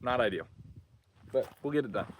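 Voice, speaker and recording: Offhand man talking through loud wind noise. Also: medium pitch, expressive, moderate pace. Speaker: DIY car restoration vlogger. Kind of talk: casual narration while working. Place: working on a car, windy outdoors. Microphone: phone. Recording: windy, noisy phone recording. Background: loud wind noise, clicks.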